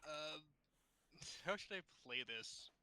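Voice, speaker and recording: Hesitant man with a very sharp, bright voice. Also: a little high, lively intonation, slow, slight background noise. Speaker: player in a tabletop game. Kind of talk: casual chat.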